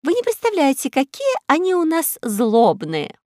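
A woman playing a kindly old woman, high voice, sighing sympathetic manner, audiobook character. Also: huge pitch swings, moderate pace, a little mellow, no room sound, clean studio sound.

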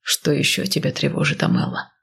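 A woman reading an audiobook who voices a calm, towering man with a gift for touching minds; he speaks gently and softly teases. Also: sits low, moderate pace, gravelly, husky, heavily acted. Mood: gentle.

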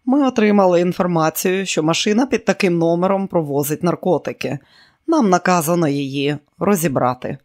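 A man's voice: high voice, brisk, lightly acted. A man reading an audiobook and voicing a stern male border guard who speaks in a curt, official manner.

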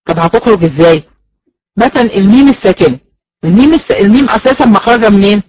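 A man's voice: sits high, expressive, racing, a little mellow, poor audio. A man with an Egyptian accent giving a recorded lecture on Quran recitation. He explains step by step, asks and answers his own questions, and sounds out letters as examples.

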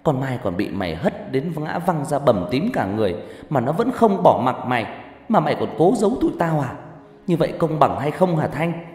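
A man voicing a desperate young woman who shouts and scolds her friend in a fast, forceful rush. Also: mid-range voice, big pitch swings, natural voice. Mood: angry. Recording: echoey reverberant room, faint music.

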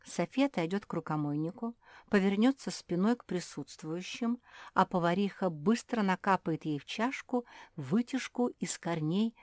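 A woman narrating a children's audiobook in a steady storytelling manner. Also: on the low side, no room sound, studio quality.

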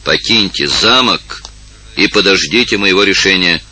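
A man's voice: sits low, expressive, moderate pace, sharp tone, heavily acted. A man reading aloud and voicing a haughty male duke who gives cold commands. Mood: commanding.

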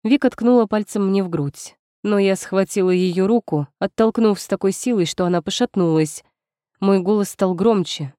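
A woman's voice: mid-range voice, normal speed, dark tone, no room sound, clean studio sound. A woman narrating a dramatic first-person story.

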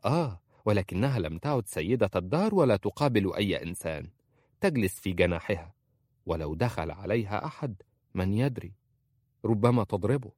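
A man's voice: lowish voice, lively intonation, brisk, a little mellow, husky, no echo, studio quality. A man voicing a chatty, gossiping maid in a storybook reading. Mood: gossipy. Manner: gossipy, confiding.

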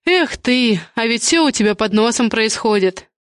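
A woman voicing a blunt, sharp-tongued middle-aged gossip with a curt, knowing manner. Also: fairly high pitch, animated, moderate pace, smooth, no room sound, studio quality, lightly acted.

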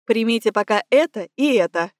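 A woman's voice: fairly high pitch, fairly quick, dry recording, lightly acted. Woman doing a cold bossy man, short clipped orders, audiobook, dry close sound. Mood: stern. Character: stern male boss, cold and commanding.

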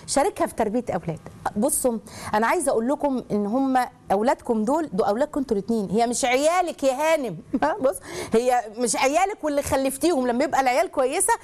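A woman with an Egyptian Arabic accent hosting a casual advice talk, lively and animated, acting out quoted people and dropping laughing asides. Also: high voice. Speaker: host giving marriage advice.

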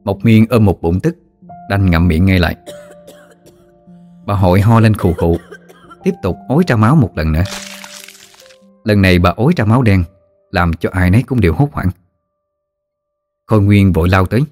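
Low-voiced storyteller. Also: male voice, expressive, normal speed, pauses often, darkish tone, faint music behind. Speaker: audiobook narrator. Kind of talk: scripted ghost story narration.

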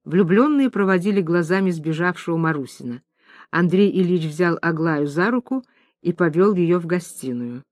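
A woman reading a play aloud, giving the stage directions in an even, clear narrating voice. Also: on the low side, normal speed, no echo. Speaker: reader.

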